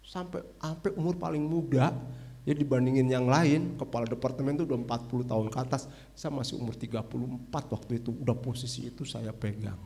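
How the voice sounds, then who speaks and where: A middle-aged man preaching at a church service, lively and conversational, with casual asides and repeated phrases. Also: mid-range voice, fast talker, creaky. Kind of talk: sermon.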